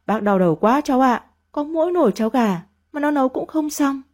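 A woman voicing a bitter elderly mother-in-law who scolds her daughter-in-law in shrill, nagging tirades. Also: animated, fairly quick, darkish tone. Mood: scolding.

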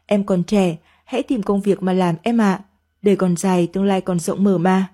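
Brief: a weary, evasive married man in a storybook reading, read by a woman in her own mellow voice. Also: medium pitch, fairly even intonation, moderate pace, natural voice.

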